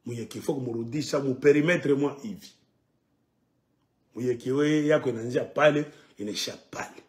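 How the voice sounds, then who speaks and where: At home in his living room, a middle-aged political commentator delivers an impassioned, emphatic monologue to camera with sweeping arm gestures. He speaks animatedly in a medium-pitched voice at a normal speed.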